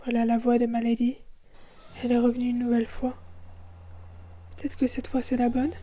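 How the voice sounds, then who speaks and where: Soft-spoken high-voiced woman narrator. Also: completely flat delivery, brisk. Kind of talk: first-person audio fiction narration.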